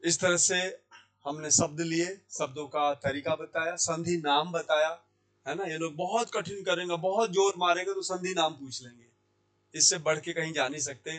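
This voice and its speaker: Questioning Hindi grammar teacher, bit high. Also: male voice, a bit bright. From India. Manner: asks questions then answers them himself, repeats key words slowly. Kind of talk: classroom lesson explaining sandhi. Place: Jaipur language institute.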